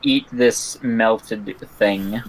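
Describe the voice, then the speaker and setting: A man's voice: on the low side, extremely slow, a little hiss or hum, low-quality recording. A man running a tabletop game as game master, making dry, wry asides.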